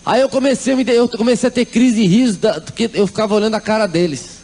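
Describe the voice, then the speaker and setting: A man's voice: sits high, fast, a little mellow. A middle-aged Brazilian man giving a comic church testimony, acting out the people in his story. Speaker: testimony speaker.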